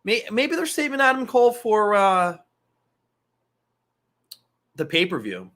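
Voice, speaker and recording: A man's voice: high voice, huge pitch swings, a little slow, fairly bright tone. A man hosting a casual wrestling talk show, loose and profane, rambling through asides. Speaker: podcast host.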